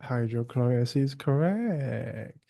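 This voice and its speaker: Mellow-voiced Singaporean science tutor. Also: male voice, medium pitch, expressive, unhurried, vocal fry. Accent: Singaporean English. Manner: quizzing a student, teasing and chatty. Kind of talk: online science lesson.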